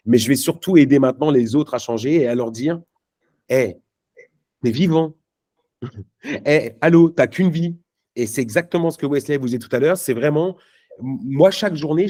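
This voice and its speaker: A man's voice: mid-range voice, mellow. A man giving a live motivational talk at a network marketing event, punchy and emphatic, speaking casually to the crowd. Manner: many fillers and restarts, casual slang.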